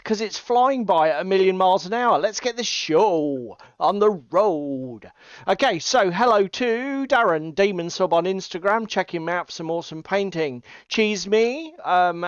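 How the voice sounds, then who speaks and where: A middle-aged man from England's East Midlands, with a high, clean voice, hosts a casual livestream from a small room at home. He banters with chat, swearing, joking and acting mock-exasperated. The recording is muffled but has no room echo.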